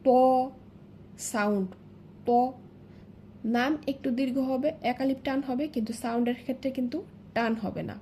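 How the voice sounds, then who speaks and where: A woman teaching Arabic letters in a slow, step-by-step lesson, patiently repeating each sound several times. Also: on the high side, steady tone, darkish tone, a little hiss or hum.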